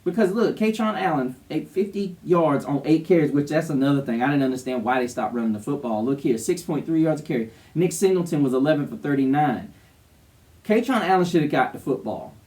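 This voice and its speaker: A man's voice: on the high side, animated, fairly quick, a little mellow, far from the mic. A man co-hosting a sports show, giving casual, emphatic, opinionated commentary. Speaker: co-host of a college football show.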